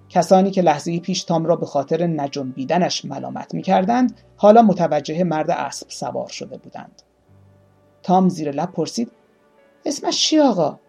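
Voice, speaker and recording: A man reading a story aloud, slowly voicing its characters with small shifts of voice. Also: fairly high pitch, gravelly, warm tone, husky. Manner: reads the tale slowly, playing each speaker with small voice shifts. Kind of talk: audiobook narration.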